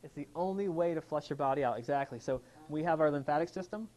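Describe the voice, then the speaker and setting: In a live seminar room, a chiropractor enthusiastically talks health with his audience and asks them questions. His voice is fairly high and darkish, and he moves at a quick pace.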